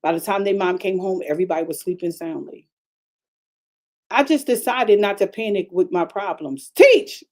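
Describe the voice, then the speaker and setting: Older woman pastor, animated storytelling sermon. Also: lowish voice, moderate pace. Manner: animated, emphatic, talks straight to the audience.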